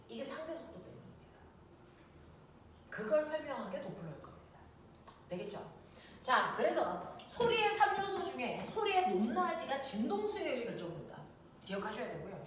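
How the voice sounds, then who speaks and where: A woman teaching a science class who keeps checking in with her students. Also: high voice. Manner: lively, checks in with students often. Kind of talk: classroom lecture. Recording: echoey room, distant mic, noisy.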